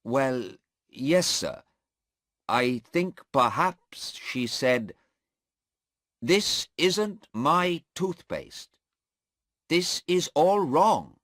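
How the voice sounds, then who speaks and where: A man's voice: a little high, very animated, very slow, pauses often, fairly bright tone, dry recording, clean studio sound, voice pushed up, heavily acted. A man voicing a hesitant, deferential male airport policeman in a story read aloud, testifying in court. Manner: hesitant and deferential, says sir.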